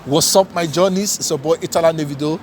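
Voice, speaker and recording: A man doing a casual street interview outdoors, asking quick upbeat questions. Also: fairly high pitch. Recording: outdoor street noise with traffic.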